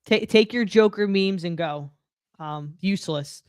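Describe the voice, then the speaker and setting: A woman's voice: lowish voice, unhurried, clear, resonant tone, dry recording, studio quality. A woman co-hosting a sports podcast, blunt and dismissive, backing her points with stats. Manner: blunt, dismissive, stat-driven. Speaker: podcast co-host. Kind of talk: casual sports chat.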